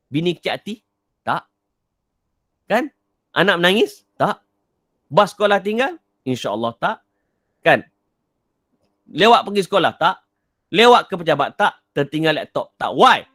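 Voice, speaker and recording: Giving a live motivational talk online, this middle-aged Kelantanese speaker from Malaysia has a voice on the high side with a fairly bright tone. He goes back over his main points, tests his audience with questions and reads out their replies from the chat. The recording is clean studio sound without echo.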